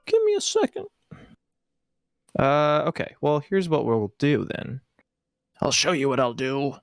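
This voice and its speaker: Playful man thinking aloud at play. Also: a little high. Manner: playful, teasing, self-narrating. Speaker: player. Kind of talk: thinking aloud while playing.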